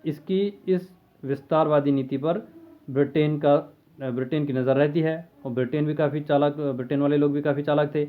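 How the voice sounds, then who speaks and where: A man's voice: fairly high pitch, fairly even intonation, normal speed. A man teaching a history lesson in a conversational way, asking questions and answering them himself. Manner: conversational, asks and answers his own questions. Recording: tinny phone-like lo-fi audio.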